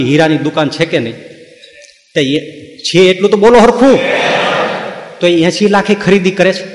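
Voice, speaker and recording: A man's voice: fairly high pitch, echoey room, long reverb tail. A man giving a devotional sermon to a gathering, full of rhetorical questions and teasing asides. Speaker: religious discourse speaker.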